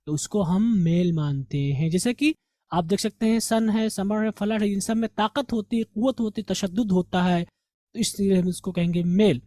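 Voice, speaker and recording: Mellow teacher asking and answering questions. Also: male voice, high-pitched, fairly even intonation, moderate pace, no echo. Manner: asks rhetorical questions, then answers them himself; patient, step-by-step explaining. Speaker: English teacher. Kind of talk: grammar revision lesson.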